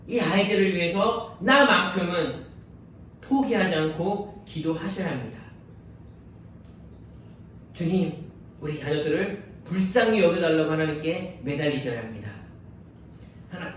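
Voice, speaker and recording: A man's voice: high-pitched, fairly bright tone, slight background noise. A man preaching a sermon as pastor, earnest and pleading, acting out prayers as he speaks. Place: church sanctuary. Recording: echoey church hall, distant mic.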